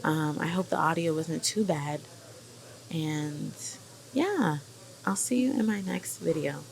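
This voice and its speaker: A woman's voice: low-pitched, slow pace, vocal fry, a little mellow. A young woman from Boston and Brooklyn talking casually to camera about her business, upbeat and chatty with lots of fillers. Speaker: vlogger and branding agency owner. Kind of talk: casual direct-to-camera vlog. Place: visiting hometown, background chatter. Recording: noisy audio with crowd chatter behind.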